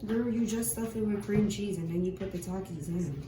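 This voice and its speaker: A woman's voice: medium pitch, brisk, far from the mic. Sassy young woman in a noisy, echoey room. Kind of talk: casual vlog chat.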